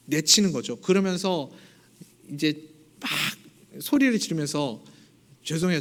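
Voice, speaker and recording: A male pastor giving a sermon in a conversational storytelling manner, joking with the congregation and acting out scenes. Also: on the high side. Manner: conversational storytelling, acts out voices. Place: church sanctuary.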